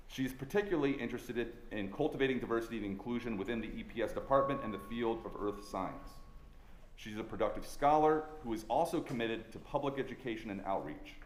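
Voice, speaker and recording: A man serving as assistant chaplain speaks at a middle pitch with measured, courteous phrasing. He reads a formal introduction and then asks gentle interview questions. The room has a lot of echo, with faint ambience behind him. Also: slight background noise. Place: chapel center event space.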